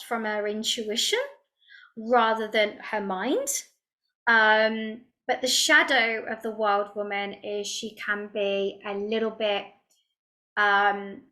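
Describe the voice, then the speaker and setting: A middle-aged woman coach teaching a casual online workshop, chatty and animated, with lots of fillers and frequent laughs. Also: mid-range voice.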